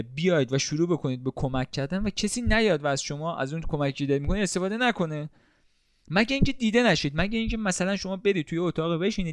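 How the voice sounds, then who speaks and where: Chatty man with a fairly high voice. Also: dry recording, clean studio sound. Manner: conversational, explains with everyday examples, rhetorical questions. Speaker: content creator. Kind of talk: casual talk to camera about helping others. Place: room, seated.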